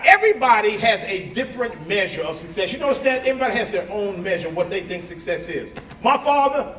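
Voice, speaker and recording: A man in his forties doing a stand-up comedy set, loud and punchy, throwing "right?" at the crowd in a live venue. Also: high-pitched, slight background noise. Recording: echoey venue, mic from a distance, audience.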